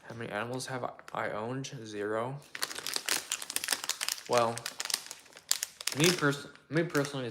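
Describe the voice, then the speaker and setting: A young man hosting a casual question-and-answer chat from his home kitchen, relaxed and rambling with lots of fillers and hedges. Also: mid-range voice, heavy background noise. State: voice partly worn from shouting days before. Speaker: channel host answering viewer questions.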